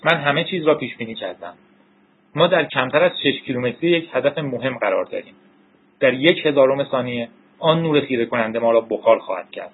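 A man voicing an older male scientist who speaks calmly and somberly, detached from doom, on a tinny narrow-band recording. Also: medium pitch, a little hiss or hum, lightly acted. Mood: fatalistic.

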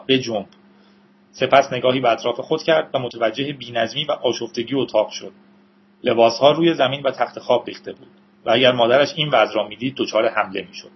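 A man reading a novel aloud as an audiobook narrator, in steady storytelling with the odd aside to listeners. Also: medium pitch, dull audio, a little hiss or hum.

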